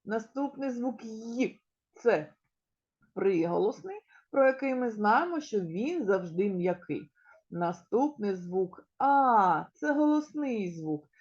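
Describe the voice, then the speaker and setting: A woman with a Ukrainian accent talks to a class of small children at a very slow, careful pace. Her pitch swings widely as she stretches out single words and asks the children questions. The recording sounds dull and lo-fi. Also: big pitch swings, darkish tone. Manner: slow, clearly articulated, stretches key words; addresses children directly and asks them questions. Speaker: kindergarten teacher. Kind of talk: recorded preschool literacy lesson.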